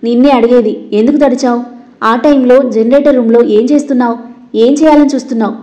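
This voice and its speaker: A woman's voice: fairly high pitch, flat delivery, very fast, natural voice, poor audio. A woman voicing a stern young man who questions angrily in a storybook reading. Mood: angry. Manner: forceful questioning. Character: stern angry young man demanding answers.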